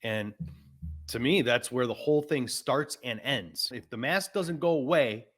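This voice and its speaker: A podcast host of about forty talks frankly and in a laid-back way, swearing and tossing in "man" a lot. His mid-range voice moves at a measured pace with a fairly bright tone.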